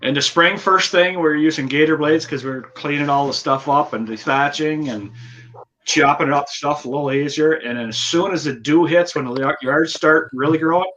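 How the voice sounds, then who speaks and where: A man's voice: fairly high pitch, normal speed, a bit bright. An American man explaining things casually as a lawn care worker in a live chat. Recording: dull lo-fi audio, faint noise.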